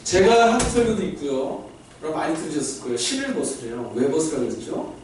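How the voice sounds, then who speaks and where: A man's voice: on the high side, quick pace. A male pastor giving a sermon, putting questions to the crowd and acting out the lines he quotes. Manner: animated preaching, acts out God's voice and asks the crowd questions. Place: large echoey church hall. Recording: echoey hall from far off, faint noise.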